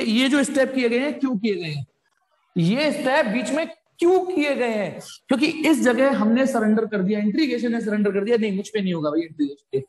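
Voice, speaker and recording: A man teaching physics in a live online class, joking and coaxing students to answer quickly. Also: very high voice, roomy sound.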